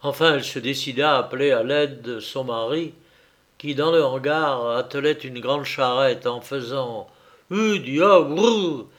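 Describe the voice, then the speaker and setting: A man reading a literary story aloud as narrator in a measured, deliberate way. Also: medium pitch, steady tone, fairly bright tone. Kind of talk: scripted audiobook narration.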